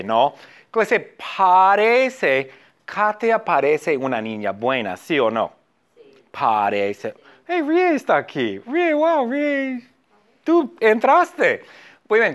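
A man teaching a beginner language class through a story, animated and prompting students to repeat after him. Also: a little high, takes it slowly. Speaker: Spanish teacher.

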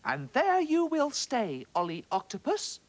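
Tiny nervous female fish, stammering and squeaky, put on by a male narrator. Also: wildly swooping pitch, unhurried, full character voice. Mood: bold.

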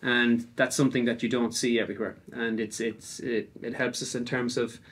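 Guy welcoming a tour group, kinda halting, keeps repeating words, pretty monotone. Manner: halting, repeats words, steady flat pitch. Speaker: factory tour guide. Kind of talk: informal tour welcome speech.

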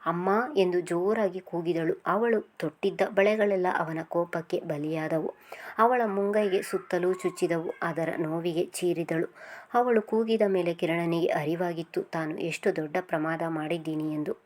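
Woman reading a story serial, steady and feeling, lower voice. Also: moderate pace. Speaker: narrator. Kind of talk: reading a serialized novel aloud.

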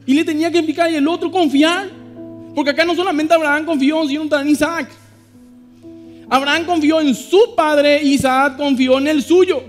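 A man's voice: very high-pitched, fairly even intonation, normal speed. A middle-aged man with a Paraguayan Spanish accent, preaching an emphatic sermon to his congregation and reading scripture aloud. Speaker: pastor. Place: church. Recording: long hall reverb with faint guitar music.

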